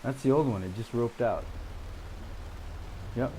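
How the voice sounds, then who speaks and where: A man giving casual gameplay commentary, thinking aloud in an unhurried way as he narrates his play. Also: medium pitch. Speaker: gamer narrating a storm-chasing simulation game. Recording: clear steady background noise.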